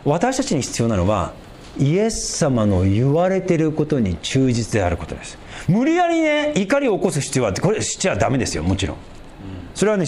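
A male pastor giving an emphatic, animated sermon. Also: mid-range voice, gravelly, a little hiss or hum.

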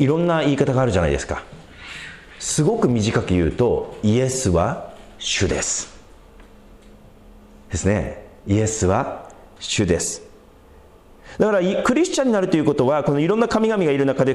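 A pastor preaches a sermon in an animated, conversational style with big swings in pitch, and the sound is reverberant.

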